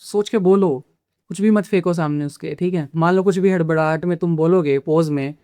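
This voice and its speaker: A man's voice: fairly high pitch, normal speed, dark tone, no echo. A man who makes communication-skills videos, lecturing the viewer directly and casually, dropping English phrases into his talk. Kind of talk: casual instructional talk to camera.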